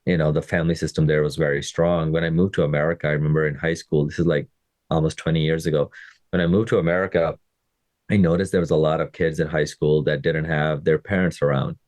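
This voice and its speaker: A man's voice: extremely low pitch, steady tone, fast, darkish tone, no room sound. A man in his thirties from Pakistan, a fitness coach and podcast host, talks to listeners in a casual, conversational way and often checks in with them. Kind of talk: casual motivational podcast monologue.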